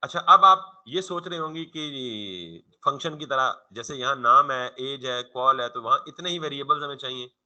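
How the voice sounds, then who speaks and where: A man's voice: mid-range voice, normal speed, few pauses, sharp tone. A man giving a programming tutorial in a casual classroom manner, often quizzing the listener with questions and then answering them himself. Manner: informal, conversational classroom explaining. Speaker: programming instructor. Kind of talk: coding tutorial lecture.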